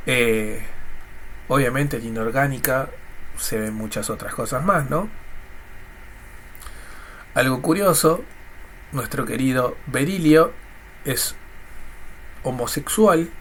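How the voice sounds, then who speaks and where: A man's voice: mid-range voice, a bit bright. Congested Rioplatense man teaching, noisy recording. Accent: Rioplatense Spanish. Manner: colloquial, jokey, voices students' questions and answers them. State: congested, snotty nose. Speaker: chemistry teacher. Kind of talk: informal recorded lesson. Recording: clear background noise. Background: noise.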